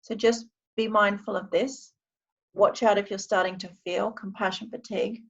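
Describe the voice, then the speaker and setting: A woman with a creaky voice leads a mindfulness and meditation session, speaking deliberately and reassuringly straight to her listeners. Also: medium pitch, steady tone, muffled recording. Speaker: wellbeing coach and meditation guide. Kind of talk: guided meditation and mindfulness talk. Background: music.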